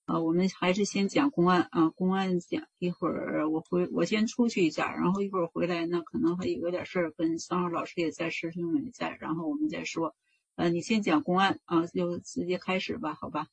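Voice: medium pitch, a little fast, creaky, husky, no room sound, poor audio. A moderator opening a session with a hesitant, casual handover, full of fillers. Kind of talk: casual spoken introduction.

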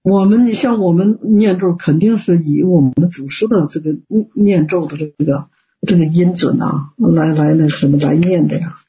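A man's voice: a little high, steady tone, moderate pace, warm tone, husky. A man teaching Buddhist practice in an online Q&A, plain-spoken and folksy, full of fillers and rhetorical questions. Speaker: Buddhist teacher answering students. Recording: dull lo-fi call audio.

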